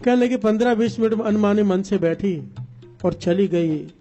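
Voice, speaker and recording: A man's voice: sits high, moderate pace, warm tone, soft background music. A man preaching a sermon as a story, calling on the congregation to respond.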